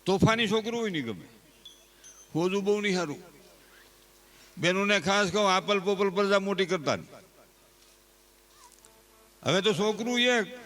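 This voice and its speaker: Give me a male folk storyteller, high-pitched and teasing, full of homely sayings. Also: pushed and bright. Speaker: folk speaker. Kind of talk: humorous folk storytelling to a live audience.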